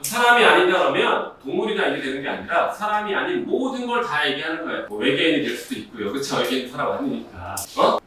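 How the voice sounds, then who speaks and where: A man teaching a high school math class, constantly quizzing his students and calling out to them. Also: expressive, fast, few pauses, pushed and bright. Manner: quizzing, repeatedly addressing students. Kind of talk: classroom lecture. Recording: echoey room, distant mic, faint noise.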